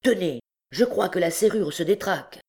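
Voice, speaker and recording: A woman voicing a brash, bossy male king of the truands, with loud commanding outbursts. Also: fairly low pitch, lively intonation, moderate pace, pitched above the performer's own voice.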